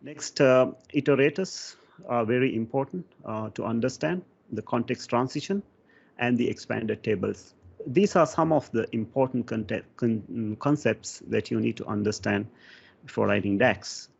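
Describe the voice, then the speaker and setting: A man from Sri Lanka giving a technical conference talk, pausing often with fillers. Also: medium pitch, gravelly, breathy edge. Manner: hesitant, many fillers. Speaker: conference speaker. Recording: dull lo-fi sound.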